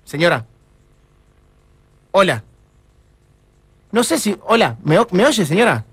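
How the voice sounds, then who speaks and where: A man's voice: high-pitched, sing-song, slow, fairly bright tone, husky. An Argentine man doing a prank phone call, feigning fluster and apologizing a lot. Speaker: radio prank caller.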